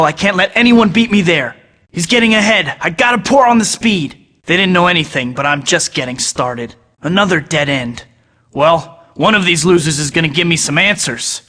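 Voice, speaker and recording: A man's voice: fairly high pitch, sharp tone, in a large hall. A young man playing a quippy, earnest young male superhero, trading sarcastic wisecracks as he fights. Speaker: game character. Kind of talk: game voice clips.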